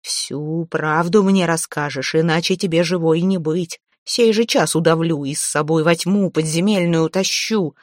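A woman voicing a vengeful dead husband back from the grave, talking low, slow and with contempt. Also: no echo, clean studio sound, natural voice. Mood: menacing.

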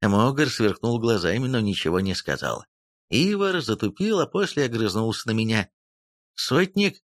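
A man narrating a first-person fantasy audiobook in an expressive, sardonic storytelling manner. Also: on the low side, no room sound.

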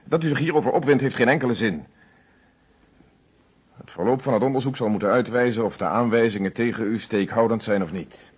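In an old radio drama recording, a male actor plays a methodical police inspector, questioning someone formally and with stern, official authority. His husky, mid-range voice moves briskly, and the audio sounds dull.

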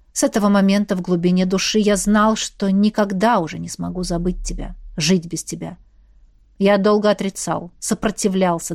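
A woman voicing a brooding male warrior who speaks softly and intimately, recorded dry and close. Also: fairly low pitch, gravelly, dry recording, voice pushed down. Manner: soft, hushed, intimate. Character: brooding male warrior lover, low and tender.

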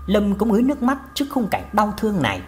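A woman narrating a ghost story in a dramatic, expressive way. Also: mid-range voice, fast, slight background noise. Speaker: audiobook narrator.

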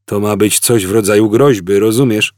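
A man's voice: fairly low pitch, fairly even intonation, normal speed, dry recording, clean studio sound, close to an everyday voice. Slartibartfast, a man doing a mournful old man. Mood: mild, wistful. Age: over 60. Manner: soft-spoken, hesitant, mournful. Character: gentle, melancholy old man, mild and weary.

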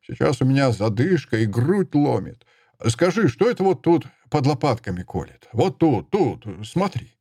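A man reading an audiobook voices a seventy-year-old mischievous drunk carpenter with a creaky, querulous, nagging voice. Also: mid-range voice, big pitch swings, moderate pace, dark tone, no room sound, clean studio sound, pitched above the performer's own voice. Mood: complaining. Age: 70s. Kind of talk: audiobook character voice.

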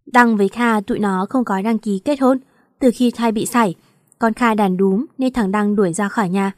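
A sorrowful, fussing middle-aged aunt from a romance audiobook, voiced by a woman reader. She talks slowly in a motherly way. The voice is at a middle pitch with a dry, close sound. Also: darkish tone, no room sound, close to an everyday voice.

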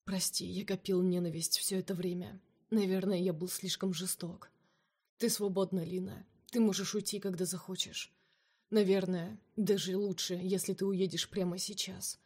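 A woman's voice: fairly low pitch, flat delivery, normal speed, darkish tone, husky. Woman reading a cruel jealous man, cold, cutting, hissed, audiobook. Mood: softened.

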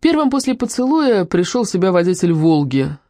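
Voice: mid-range voice, animated, brisk, darkish tone, no room sound. An audiobook narrator reading comic prose. The delivery moves up and down expressively. The voice sounds close and dry, with no room around it.

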